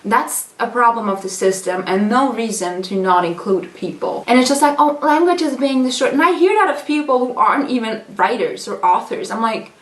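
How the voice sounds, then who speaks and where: Woman, high-ish voice, exasperated sarcastic rant, roomy echo, mic set back. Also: lively intonation, moderate pace, few pauses. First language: German. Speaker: vlogger. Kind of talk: casual vlog rant while doing makeup. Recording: echoey room, mic at a distance.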